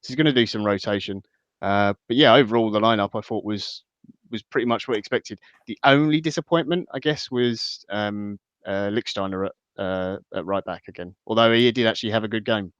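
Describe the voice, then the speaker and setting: A man with a smooth, fairly low voice talks through a football match as a guest. He is measured and a little hesitant, and the audio is dry and slightly dull. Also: fairly bright tone, dry recording. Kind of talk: casual match analysis.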